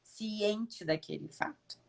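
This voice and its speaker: Mulher reflexiva de voz média. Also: female voice, medium pitch, slow pace, creaky. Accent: Brazilian Portuguese. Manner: reflective, guides the topics. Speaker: mentor and co-host. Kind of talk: live-stream talk.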